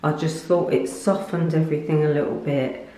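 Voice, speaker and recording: A woman's voice: deep voice, steady tone, normal speed, dark tone. An older woman vlogger giving a rambling, chatty tour of her small home bathroom, filmed on a handheld phone. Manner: chatty, rambling with fillers and restarts. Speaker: lifestyle vlogger. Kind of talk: casual home tour chat. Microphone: phone camera held by speaker. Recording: echoey tiled room.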